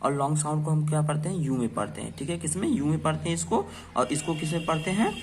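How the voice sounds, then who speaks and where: A man's voice: fairly high pitch, lively intonation, fast talker, darkish tone, slight background noise. A man teaching an English phonics lesson to children, asking and answering his own questions and spelling words letter by letter.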